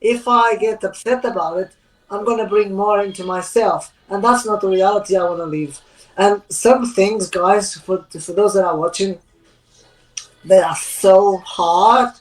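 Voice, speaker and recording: A woman's voice: medium pitch, a little slow, low-quality recording. A woman co-hosting a live spiritual question-and-answer show, talking in an earnest, rambling way with loose, non-native grammar. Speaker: co-host.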